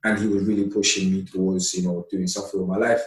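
A man from Somalia, a podcast guest, telling stories from his childhood in a relaxed, chatty way with lots of laughter and fillers. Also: low voice, fast. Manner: relaxed, laughs often, many "you know" fillers. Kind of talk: casual storytelling. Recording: roomy, distant mic.

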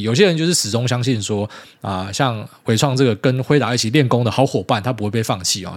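Man, podcast host, rapid chatty monologue, lowish voice. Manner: chatty, sprinkles sentence-final particles. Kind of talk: casual solo commentary.

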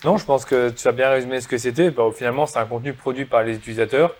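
A man hosting a casual conversational interview, asking questions and quickly chiming in with agreement. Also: mid-range voice, a little mellow. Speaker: podcast host.

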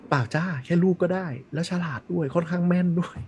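A man chatting casually on a podcast, blunt and animated, swearing freely. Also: high-pitched, fast talker, slight background noise. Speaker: podcast host. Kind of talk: casual chat.

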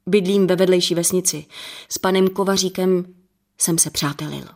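A woman's voice: fairly low pitch, steady tone, darkish tone. A woman reading the part of a stocky, apologetic village man in his sixties, explaining himself earnestly in an audiobook.

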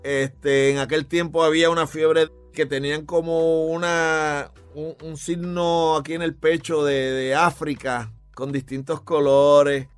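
A man's voice: fairly high pitch, a little slow, hardly any pauses, smooth, soft background music. A man with a Puerto Rican accent, a DJ and club owner telling vivid stories in an interview. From Puerto Rico. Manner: animated, vivid storyteller. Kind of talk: interview recollection.

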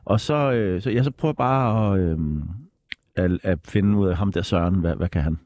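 A middle-aged man talks in a relaxed, unhurried way, hesitating with fillers as he recalls things. His voice is very low and mellow. The recording is close and dry. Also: dry recording. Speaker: guest musician. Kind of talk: casual chat.

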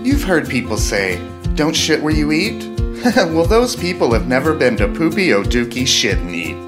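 A man's voice: fairly high pitch, very animated, moderate pace. A man playing an upbeat commercial announcer reading a slick, salesy parody restaurant ad. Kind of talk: parody radio ad read. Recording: music bed behind.

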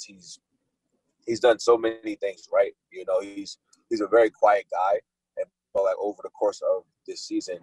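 A man's voice: deep voice, darkish tone, husky, no echo, rough recording. A young man, a football wide receiver, answering interview questions in a casual, laid-back way, full of likes and restarts.

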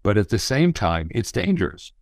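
A man's voice: lowish voice, big pitch swings, moderate pace, vocal fry, no echo, clean studio sound. A man speaking as an expert guest, explaining things in a thoughtful, conversational way. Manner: thoughtful, explanatory, often says you know.

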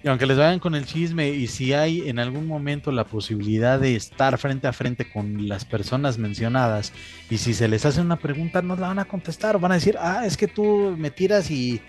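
A man's voice: medium pitch, a little fast, soft background music. A man with a Mexican accent co-hosting a podcast in a wry, defiant tone. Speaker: podcast co-host. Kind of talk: casual podcast chat.

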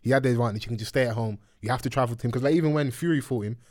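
A man's voice: mid-range voice, racing, a little mellow, no echo, studio quality. A man with a London roadman accent and slangy speech, hosting a casual podcast chat. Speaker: podcast host. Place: studio.

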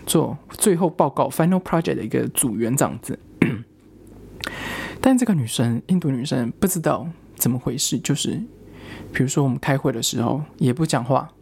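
A young man tells a personal story in a loose, chatty way, often restarting his sentences. His voice is breathy and slightly husky, sitting at an ordinary middle pitch. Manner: rambling, animated, frequent restarts and laughter. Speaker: student. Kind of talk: casual storytelling.

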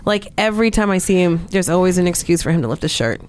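A woman's voice: lowish voice, expressive, quick pace, a little mellow, slight background noise. A woman comedian from New Jersey, telling stand-up stories in a casual chat and laughing through her lines. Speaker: comedian guest.

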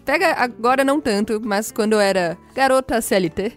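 A woman's voice: a little high, a little fast, faint music behind. A woman, speaking frankly in a casual chat. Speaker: podcast co-host.

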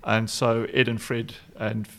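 A man with a South African accent, an executive director of a charity, tells stories as a guest in a relaxed interview. He speaks in a lowish voice with little pitch movement at a slightly slow pace. His manner is warm and anecdotal, full of ums and restarts.

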